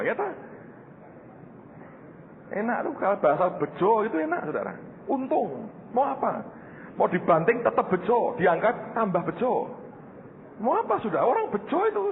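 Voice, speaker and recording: An older male pastor preaches in a high, lively voice that jumps all over its range, joking with the congregation as he goes. The sound comes through a thin, phone-like channel, with long reverb from a large hall and a faint hiss underneath. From Indonesia. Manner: storytelling, joking, addresses the congregation as "saudara". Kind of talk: sermon.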